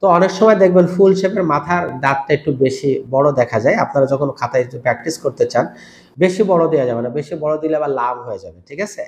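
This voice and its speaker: Man, patient teacher, slow drawn-out repetition, higher voice, echoey room. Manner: patient, repeats sounds slowly and drawn out. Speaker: Quran teacher. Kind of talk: step-by-step recitation lesson.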